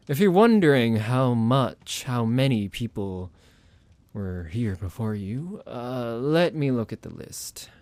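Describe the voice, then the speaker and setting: In an ASMR roleplay, a man plays a psychotic vampire doctor who is condescending and playful toward a captive, speaking in a mock-polite, hesitant, musing way. His mid-range voice is darkish in tone, with no echo.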